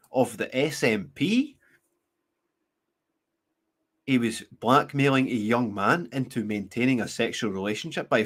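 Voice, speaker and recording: A man hosts his own show, reading articles aloud and interrupting himself with sneering asides. He laughs often and stumbles through restarts as he riffs, in a medium-pitched voice. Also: slightly rough. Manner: halting, many restarts while reading. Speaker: show host. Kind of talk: reading news aloud with commentary.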